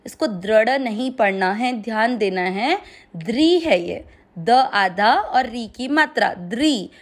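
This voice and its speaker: A woman's voice: a little high, lively intonation, slow. A woman teaching the pronunciation of a Sanskrit hymn, spelling out syllables patiently and stretching long vowels as she recites. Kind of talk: slow step-by-step recitation lesson.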